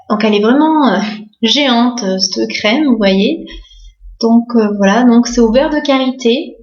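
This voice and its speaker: Chatty woman, echoey lo-fi room. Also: fairly high pitch. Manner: chatty, many fillers and "voilà"; enthusiastic about bargains. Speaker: beauty vlogger. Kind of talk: casual haul video. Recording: echoey room, dull lo-fi sound.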